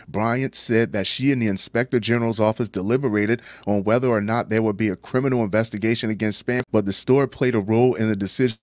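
Deadpan low-voiced man mocking the news. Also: fast, hardly any pauses, dry recording. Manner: deadpan mocking delivery, reading news and cutting in with crude jokes. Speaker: host of a satirical crime news show. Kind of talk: sardonic news commentary. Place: small dark home studio.

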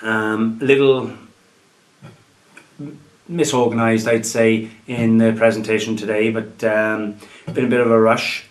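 Welsh guy in his 30s doing a casual haul vlog at home, chatty, lots of ums. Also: fairly low pitch. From Wales. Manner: chatty, full of "um" and "guys", gives tips. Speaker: antiques dealer and channel host. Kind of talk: casual show-and-tell vlog. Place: dining room at home, indoors.

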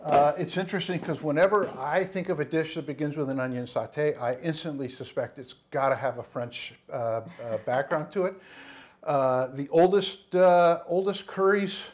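A man's voice: fairly high pitch, moderate pace, darkish tone. A man in his fifties, a spice shop owner, giving a casual cooking demonstration in a studio kitchen on a lapel mic, full of fillers and restarts. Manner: rambling, many fillers and restarts. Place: studio kitchen set, indoors.

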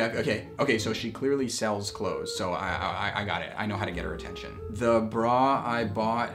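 A young man hosting a casual vlog, jokey and quick to swing from loud excitement to mumbled asides. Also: fairly low pitch. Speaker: vlogger host.

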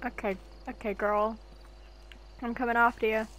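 Young woman gamer chatting over gameplay, swears a ton, yelps at jumpscares, fairly high voice. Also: moderate pace. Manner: excitable, swears a lot, jumpy yelps. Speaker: gaming channel host. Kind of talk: casual gameplay commentary.

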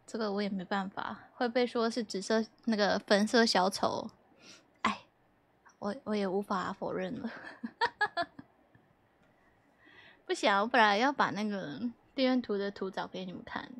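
A woman's voice: medium pitch, normal speed, long pauses, fairly bright tone. A young woman livestreamer chatting casually and playfully with her viewers, giggling often and reading their messages aloud from a desk mic at home.

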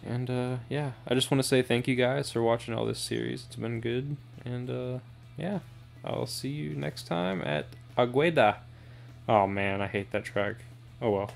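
A man chatting loosely over his own gameplay with dry, sarcastic asides, his voice sitting at an ordinary middle pitch. Faint game music runs underneath him. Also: normal speed, creaky. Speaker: gaming video creator. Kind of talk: casual gameplay commentary.

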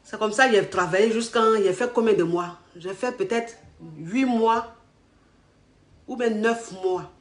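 A woman telling her life story in casual, animated speech, quoting the people she met. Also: mid-range voice, measured pace. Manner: animated retelling with acted quotes. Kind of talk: personal storytelling. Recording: echoey room.

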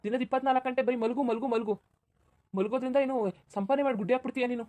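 A woman's voice: sits high, steady tone, dark tone, lightly acted. A woman voicing an exasperated office-going husband in a cartoon, scolding his wife. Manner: scolding, fast. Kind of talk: cartoon voice acting.

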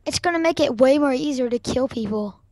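A high-pitched woman on a computer mic, firing off excitable, foul-mouthed gameplay commentary. Her voice sits bone dry and close, with no room around it. She trash-talks rivals nonstop while she plays. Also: brisk, no room sound. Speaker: gaming channel host.

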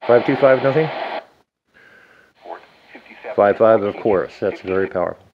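In a fairly low, unhurried voice, a man chats through an antenna build at his table at home, talking to himself and the radio as he works. It is casual how-to narration, captured in lo-fi sound over a noisy background.

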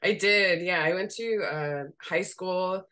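A young graphic designer from Seattle joins a video call from a room at home as a guest in a casual interview chat. Her voice is lowish and slightly raspy today, and she talks slowly, relaxed and candid, laughing often.

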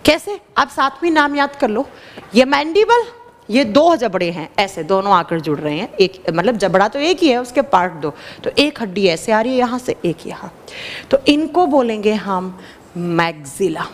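A woman teacher giving an animated classroom lecture, quizzing her students and answering her own questions. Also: medium pitch, normal speed, long reverb tail. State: dry throat.

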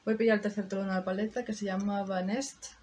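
A woman's voice: medium pitch, little pitch movement, fast, a little mellow, a little hiss or hum. A woman talking viewers through a makeup tutorial in a chatty way, thinking aloud as she works. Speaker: beauty vlogger. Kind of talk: casual makeup tutorial chat.

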